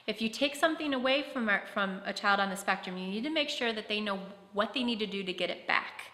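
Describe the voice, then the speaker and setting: A woman's voice: mid-range voice, expressive, quick pace, pushed and bright. A woman presenting a practical workshop talk at a conference, explaining with concrete classroom examples. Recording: echoey hall.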